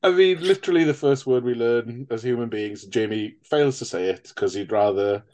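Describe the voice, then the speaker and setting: A man's voice: medium pitch, moderate pace, darkish tone. A man co-hosting a casual film podcast, jokey and sweary, rambling through his points. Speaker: podcast co-host. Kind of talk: casual chat.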